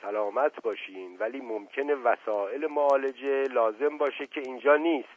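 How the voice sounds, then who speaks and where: A man's voice: medium pitch, phone-quality sound, pitched above the performer's own voice, close to an everyday voice. Man as a soothing family doctor. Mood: reassuring. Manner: gentle, reassuring. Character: soothing middle-aged male family doctor.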